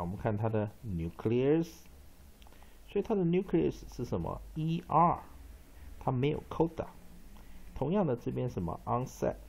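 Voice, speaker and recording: Guy teaching english pronunciation, slow and gravelly, voice goes all up and down, keeps dragging out words. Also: mid-range voice, dark tone. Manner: drawn-out, emphatic repetition of example words; frequent filler particles between phrases. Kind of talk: pronunciation lesson.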